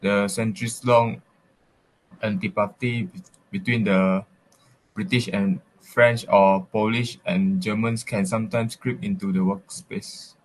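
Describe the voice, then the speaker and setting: A man with a fairly low voice gives interview answers that sound read from a script. His delivery is formal and recited, with full sentences and little hesitation. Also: steady tone, unhurried, poor audio. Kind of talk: reading prepared answers.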